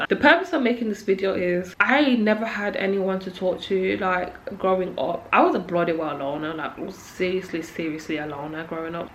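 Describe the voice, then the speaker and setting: A woman's voice: medium pitch, slight background noise. A young woman chats casually and candidly to camera, rambling and slangy, with a lisp from a swollen cheek that keeps her mouth from fully closing. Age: young adult. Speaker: video creator.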